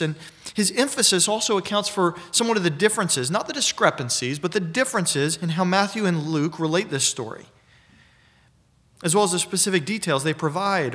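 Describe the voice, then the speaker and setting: Male preacher, slightly higher voice, measured emphatic sermon delivery. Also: a bit bright. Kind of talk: expository sermon.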